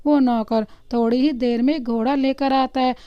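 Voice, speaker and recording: A woman storyteller reading a romantic story aloud in a steady, expressive narration. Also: high voice, normal speed, clean tone, dry recording, highs cut off.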